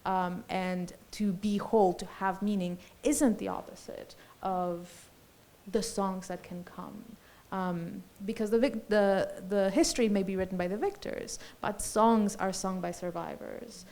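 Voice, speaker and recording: A woman's voice: mid-range voice, fairly even intonation, a little slow, darkish tone. Reflective Colombian-born woman panelist. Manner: reflective, lyrical, many fillers and restarts. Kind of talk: festival panel discussion.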